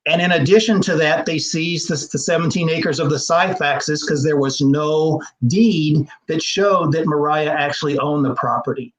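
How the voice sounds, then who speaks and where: Male historian guest, slightly high voice, measured and explanatory, lots of "uh". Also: poor audio. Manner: measured, explanatory, with frequent fillers. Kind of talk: explaining history over slides in an interview.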